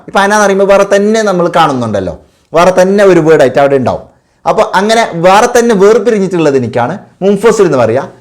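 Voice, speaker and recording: A man teaching an exam revision lesson patiently, repeating key terms and asking and answering his own questions. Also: high-pitched. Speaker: madrasa teacher.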